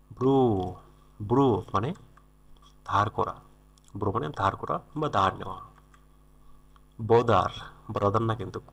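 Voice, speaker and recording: A man's voice: lowish voice, a bit bright. A man teaching English vocabulary, repeating each word and its meaning and correcting pronunciation. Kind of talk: vocabulary lesson.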